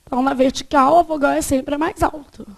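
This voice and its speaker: High-voiced Brazilian woman teaching a class. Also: steady tone, brisk, creaky. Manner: quizzing students with repeated check questions. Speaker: Portuguese teacher. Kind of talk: classroom grammar lesson.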